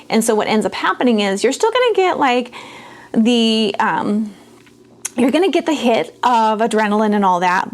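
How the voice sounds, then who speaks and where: Woman host, gentle conversational teacher, guides breathing exercises. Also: medium pitch. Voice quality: gentle, conversational, many fillers. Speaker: self-care podcast host.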